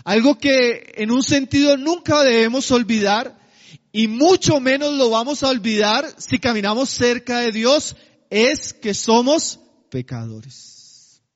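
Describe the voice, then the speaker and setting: A high-voiced male preacher delivers a sermon in a reverberant hall, expressive though the audio is dull. He poses rhetorical questions to the congregation and slows to a drawn-out, emphatic cadence on key phrases.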